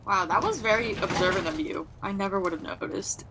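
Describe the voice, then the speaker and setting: A woman's voice: mid-range voice, brisk, noisy background. A woman guest chatting casually while watching a game, giggly and playful. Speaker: guest cast member. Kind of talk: casual chat.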